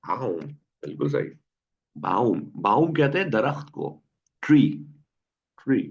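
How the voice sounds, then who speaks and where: A man's voice: fairly low pitch, sing-song, a little slow, vocal fry, breathy edge. A man teaching an online language class, patiently quizzing students and repeating words. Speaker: German teacher. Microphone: video call. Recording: dull lo-fi online class audio.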